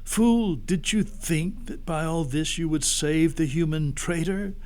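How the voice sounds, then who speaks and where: A man's voice: fairly high pitch, a little slow, darkish tone, clean tone, voice pushed up, lightly acted. A man voicing a fierce, cruel witch queen in a storybook read-aloud, commanding and imperious. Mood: gloating, menacing. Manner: imperious, exclamatory.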